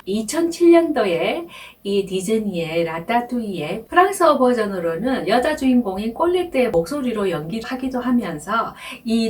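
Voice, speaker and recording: A woman teaching French pronunciation in a slow, patient lesson, repeating each word and filling pauses with soft sounds. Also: medium pitch, far from the mic. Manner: patient, repeats words slowly, many soft fillers.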